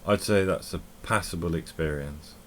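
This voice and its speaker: Deep-voiced guy rambling thru a game test, lots of self-corrections. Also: moderate pace, a little hiss or hum. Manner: rambling, self-correcting, thinking aloud while playing. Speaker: tech vlogger. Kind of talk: casual gameplay commentary.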